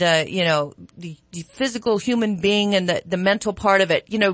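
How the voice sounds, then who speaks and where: A woman's voice: medium pitch, a bit bright, dry recording. A woman radio co-host talking casually and reflectively in a rambling, ad-libbed way on a studio microphone. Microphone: studio broadcast microphone.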